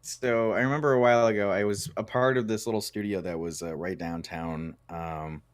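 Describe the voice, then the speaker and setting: A man's voice: on the low side, fairly even intonation, fairly quick, clear, resonant tone, no room sound. A man, the guest in a casual interview, joking and rambling as he tells his story. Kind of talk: casual chat.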